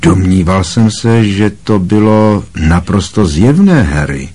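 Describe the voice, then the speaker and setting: A kind, middle-aged wizard teacher with a wry, gently amused calm, voiced by a man reading a storybook. The voice sits deep and carries a husky grain.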